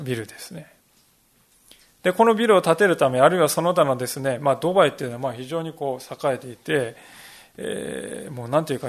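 Gravelly-voiced male pastor preaching. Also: a little high. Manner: explanatory, peppers phrases with "desu ne" and fillers. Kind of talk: Sunday sermon.

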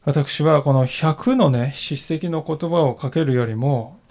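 A male pastor giving a sermon in an earnest, reflective way, slowing down to stress key phrases. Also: on the high side, darkish tone. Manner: earnest, reflective preaching with emphatic slowed phrases.

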